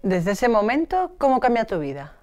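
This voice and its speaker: A woman's voice: fairly high pitch, big pitch swings, moderate pace, darkish tone, soft background music. A woman hosting a television interview, asking friendly, casual questions. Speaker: host.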